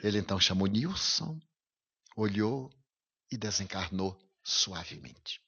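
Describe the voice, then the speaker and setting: A man's voice: fairly low pitch, animated, measured pace, bright, forceful tone, husky. A man giving a lecture, telling a personal story with emotion and vivid detail. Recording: lo-fi radio recording.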